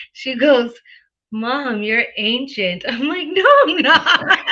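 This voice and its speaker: Bubbly 30s woman hosting a chat over a call, bright sharp voice, dull lo-fi audio. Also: high-pitched, animated. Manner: bubbly, laughs often, halting with fillers. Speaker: realtor and show host. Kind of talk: casual interview chat.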